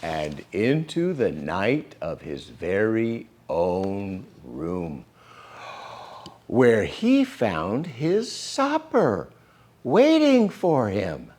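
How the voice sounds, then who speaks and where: A man in his sixties or older reading a children's picture book aloud as storyteller, with dramatic, deliberate phrasing. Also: lowish voice, huge pitch swings, darkish tone, a little hiss or hum. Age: 60s or older. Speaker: storyteller and host.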